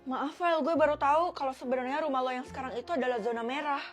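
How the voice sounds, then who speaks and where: A woman's voice: high-pitched, fairly even intonation, quick pace, soft background music, close to an everyday voice. A woman voicing a gossipy teenage girl friend in a doll story, slangy and blunt.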